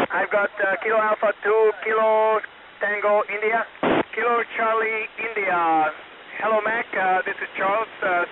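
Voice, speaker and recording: A man making amateur radio calls over a fading shortwave radio transmission, talking haltingly with many filler pauses. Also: high voice. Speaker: expedition flight participant calling on amateur radio. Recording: tinny radio link under loud static.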